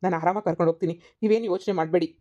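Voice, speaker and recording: A man doing a sly fake father, rapid. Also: mid-range voice, fairly even intonation, dark tone, lo-fi sound, close to an everyday voice. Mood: persuasive.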